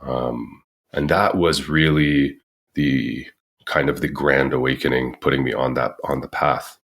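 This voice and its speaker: Very deep-voiced man in his thirties. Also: steady tone, fairly bright tone. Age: 30s. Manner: earnest, searching for words, slow and halting. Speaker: guest. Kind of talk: reflective personal storytelling.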